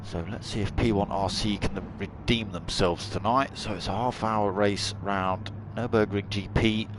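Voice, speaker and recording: A man's voice: fairly low pitch, fairly even intonation, unhurried. A man giving chatty, jokey live commentary on an online racing event, cracking dad jokes between updates. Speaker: race commentator and streamer. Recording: loud engine and track noise behind. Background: racing car engines.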